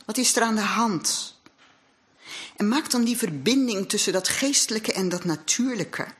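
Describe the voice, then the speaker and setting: A woman's voice: medium pitch, a bit bright. A woman giving an earnest, reflective sermon in a church hall, weaving scripture with her own experience. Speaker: lay speaker at a congregation. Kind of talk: sermon with personal testimony.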